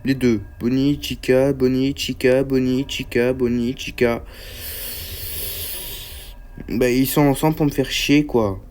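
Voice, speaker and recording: A man's voice: medium pitch, fairly even intonation, measured pace, long pauses, darkish tone, faint music behind. A man commentating a horror game as he plays, rambling, stammering and swearing when startled. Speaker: gaming YouTuber. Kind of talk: let's play commentary.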